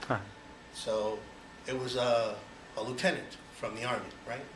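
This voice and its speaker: A man's voice: mid-range voice, fairly even intonation, a little slow. Cuban-born man speaking in an echoey room. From Cuba. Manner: conversational, many you-knows, rhetorical questions. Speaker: speaker giving an icebreaker speech. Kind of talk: personal speech to an audience. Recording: echoey room, voice from far off, noisy.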